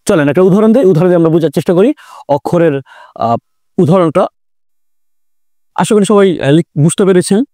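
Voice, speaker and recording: A man's voice: sits high, dark tone, no echo, clean studio sound. A man teaching an online grammar lesson, repeating key points and drawing out words for emphasis. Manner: repetitive, explanatory, drawn-out emphasis.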